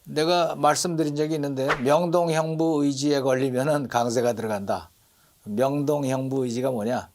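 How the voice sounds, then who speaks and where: A middle-aged man teaching an English lesson, slowly repeating English phrases and marking their stress. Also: mid-range voice, steady tone, noisy background.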